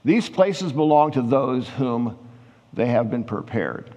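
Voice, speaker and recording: A man giving a conversational sermon as a pastor, growing animated when he retells scenes from scripture. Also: medium pitch, slow pace, dull audio. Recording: long hall reverb.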